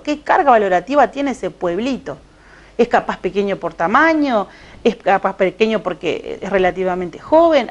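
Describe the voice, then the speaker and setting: A woman teacher, giving a recorded lecture and reading excerpts slowly, with many rhetorical questions. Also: on the high side.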